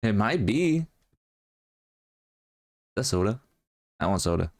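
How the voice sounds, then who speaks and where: A man's voice: on the low side, sing-song, slow, darkish tone. A man streaming a reaction to a video, making jokey, profane asides in casual commentary.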